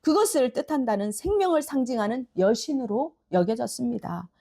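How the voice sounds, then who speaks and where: A woman's voice: a little high, lively intonation, fairly quick, dark tone. A woman pastor preaching a sermon in a church, telling a story vividly and questioning her congregation. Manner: storytelling, asks the congregation questions and acts out the characters.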